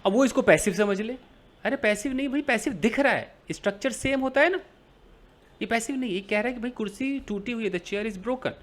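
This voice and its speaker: A man's voice: very high voice, a little fast. Hindi-speaking man teaching English grammar. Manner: explains with everyday examples, asks and answers his own questions. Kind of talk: grammar lesson.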